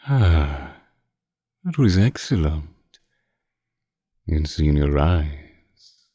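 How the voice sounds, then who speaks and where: In an intimate audio roleplay, a man with a rumbling low, warm, exaggerated voice plays a seductive, possessive ancient vampire who looks youthful and acts predatory. He is slow, teasing, and commanding, sometimes sinking into breathy whispers.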